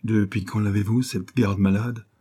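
A man's voice: lowish voice, fairly even intonation, normal speed, mellow, slightly rough. A man reading a novel aloud, voicing an older law clerk who speaks in an indignant, shaken way. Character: old man, meek law clerk turned furious.

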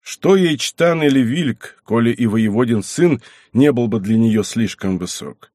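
A man reading an audiobook, voicing a hot-tempered, domineering old abbot who blusters and shouts. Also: mid-range voice, lively intonation, no echo, studio quality. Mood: stern. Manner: blustering, shouting, quick to anger.

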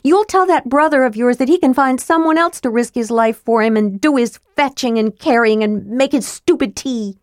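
A woman's voice: fairly high pitch, normal speed, few pauses, no echo, studio quality, pitched above the performer's own voice, close to an everyday voice. A woman voicing a fiery, jealous young woman who pleads and accuses in a raised, tearful voice. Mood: angry.

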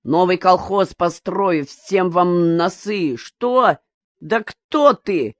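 A woman reading an audiobook, voicing a drunken rural man who shouts slurred threats. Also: sits low, very slow, smooth, no echo, heavily acted. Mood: drunken rage. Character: drunken rural man, rowdy village chairman.

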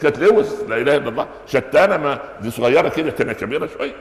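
A man with an Egyptian accent giving a lively colloquial sermon on Quran commentary, often asking his listeners rhetorical questions. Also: mid-range voice, very fast, creaky. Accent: Egyptian Arabic. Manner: lively storytelling, asks the audience rhetorical questions. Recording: echoey hall with long reverb.

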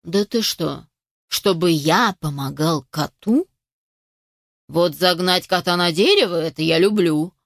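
A woman voicing a grumpy male yard dog who gruffly refuses to help. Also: fairly low pitch, a little slow, no echo, studio quality, pitched below the performer's own voice. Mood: dismissive. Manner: gruff, dismissive.

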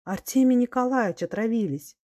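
A frantic young servant girl crying out in alarm, voiced by a woman reading aloud. Her voice turns shrill and high with panic, though the reader's tone stays mellow underneath. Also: fairly quick, no echo, clean studio sound, natural voice.

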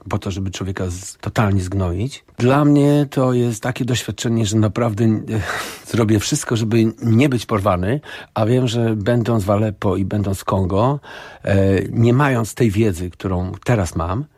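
Husky low-voiced man thinking aloud. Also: a little mellow, dry recording, clean studio sound. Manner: halting, thinking aloud with tag questions. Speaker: guest musician. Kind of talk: casual radio interview. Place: radio studio. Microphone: studio microphone.

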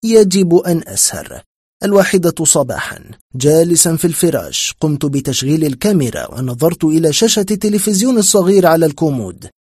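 A man's voice: fairly high pitch, big pitch swings, fast talker, warm tone, slightly rough, no room sound, clean studio sound. A man narrating a horror story in scripted form, with a tense, dramatic telling.

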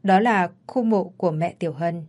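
A woman narrating a dramatic story in a steady storytelling voice. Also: lowish voice, moderate pace.

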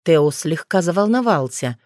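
A woman narrating a fantasy audiobook in an even, measured storytelling manner. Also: lowish voice, no room sound, studio quality.

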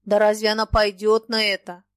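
A woman's voice: mid-range voice, monotone, fairly quick, no room sound, lightly acted. Woman voicing a sullen young man. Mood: gloomy. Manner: gloomy, quiet, pleading.

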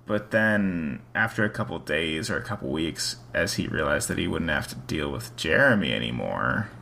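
A man's voice: extremely low pitch, animated, normal speed, creaky, pushed and bright, slight background noise. A man co-hosting a casual chat, reading a story aloud and talking it over in a rambling, self-questioning way.

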